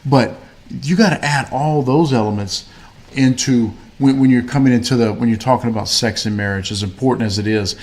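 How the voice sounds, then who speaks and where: Man, mid-pitched, casual rambling co-host voice. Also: a little fast, a little mellow. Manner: rambling, many fillers and restarts. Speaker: podcast co-host. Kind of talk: casual faith-based chat.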